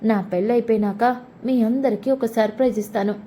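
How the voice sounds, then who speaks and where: A woman's voice: on the high side, steady tone, brisk, dark tone, a little hiss or hum, close to an everyday voice. A woman voicing a proud young bride who snaps indignantly. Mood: cheerful.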